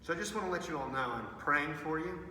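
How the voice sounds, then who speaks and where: A man speaking as a youth pastor in an informal video message, earnest and halting, with repeated words. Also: a little high, animated, sharp tone. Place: large empty student ministry room with stage. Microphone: far from the speaker. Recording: very echoey hall, distant mic, faint noise.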